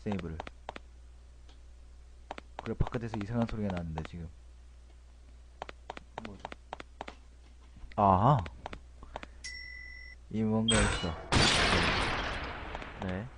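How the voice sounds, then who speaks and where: A man streaming a horror game with comic commentary, grumbling and shouting at the game and chatting with viewers, over loud game music. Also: lowish voice, takes it slowly, long pauses, background noise. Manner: excitable, yells and grumbles at the game, chats with viewers.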